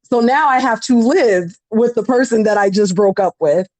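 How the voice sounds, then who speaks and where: A woman's voice: on the high side, moderate pace, darkish tone, dry recording, low-quality recording. A woman in her thirties telling a personal story on a podcast, rambling with lots of fillers. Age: 30s. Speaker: podcast co-host. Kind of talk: casual chat, personal storytelling.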